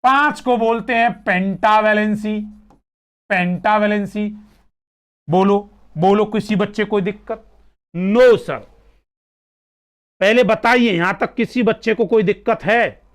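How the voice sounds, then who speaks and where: A high-voiced male teacher talks slowly and deliberately to his class. He teases the students and quizzes them by name. His tone stays playful throughout the lecture. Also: fairly even intonation.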